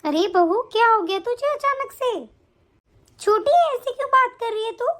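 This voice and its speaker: A woman voicing a doting, fretful older mother-in-law in an animated story. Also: very high voice, normal speed. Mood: worried.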